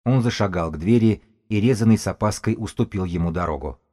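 A man narrates an audiobook in a steady, even way. His voice is very deep and dark, with a mellow, unhurried warmth.

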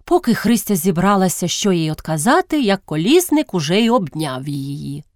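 A woman narrating an audiobook of classic prose with steady, expressive reading. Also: fairly low pitch, normal speed, dry recording, studio quality.

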